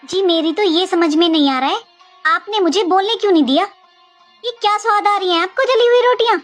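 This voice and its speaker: A woman's voice: extremely high pitch, fairly quick, faint music behind. A woman playing a talkative middle-aged mother-in-law who scolds sharply but cares about her family. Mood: complaining.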